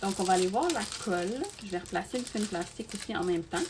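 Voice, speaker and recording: A woman's voice: mid-range voice, fast. A woman, a crafting YouTuber, chatting casually to her viewers while unboxing and gushing with many fillers and repeated words. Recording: steady background noise with clicks.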